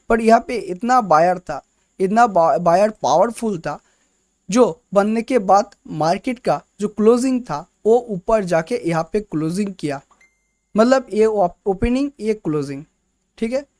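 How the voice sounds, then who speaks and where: A man's voice: sits high, lively intonation, unhurried, darkish tone, no echo, clean studio sound. A man teaching candlestick chart patterns in a casual lesson, explaining step by step and often repeating and restarting words. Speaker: trading teacher.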